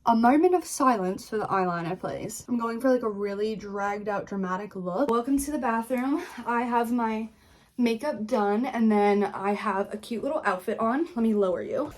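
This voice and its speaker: A young woman chatting casually through a home vlog, talking to the camera and filling her sentences with "like". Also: mid-range voice. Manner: chatty, says "like" a lot. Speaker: influencer vlogger. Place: home, bedroom and bathroom.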